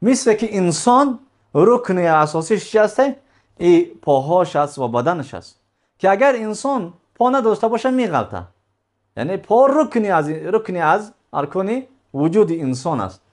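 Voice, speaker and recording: A man's voice: high-pitched, big pitch swings. A man teaching a religious lesson, explaining step by step, repeating key phrases and answering his own questions.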